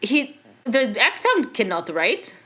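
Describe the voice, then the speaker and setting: Bright excitable woman playing a game. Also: fairly high pitch, takes it slowly. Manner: excitable, squealing. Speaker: player. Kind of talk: casual game chat.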